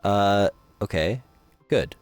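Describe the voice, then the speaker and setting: A man's voice: lowish voice, slow pace, clean tone, dry recording, soft background music. A man streaming live, chatting casually with viewers and thinking aloud as he builds.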